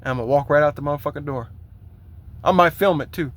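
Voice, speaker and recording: A man's voice: fairly high pitch, fast, fairly bright tone. A man who drives a truck, venting in a loose, rambling vlog rant full of swearing and aggravated complaints. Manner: heavily profane, aggravated complaining; loose, rambling with fillers and repeats.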